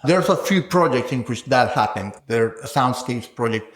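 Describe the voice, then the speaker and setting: A guest scholar in an academic interview thinks aloud, often capping his points with a questioning "no?". His voice is medium-pitched and lively at a moderate pace. The room lends a noticeable echo.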